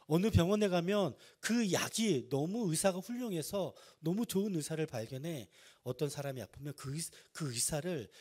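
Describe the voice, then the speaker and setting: A man's voice: on the high side, a little mellow. A male pastor preaching a Sunday sermon, building emphasis and asking the congregation rhetorical questions. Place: church sanctuary.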